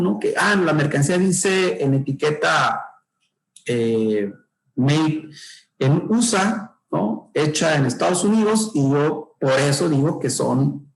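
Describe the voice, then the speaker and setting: A man talks through trade rules as a consultant, his voice gravelly and mid-pitched. He thinks aloud, leaning on filler sounds and tag questions. The recording is echoey, with room sound around him. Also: a little mellow. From Mexico. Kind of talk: explanatory podcast talk.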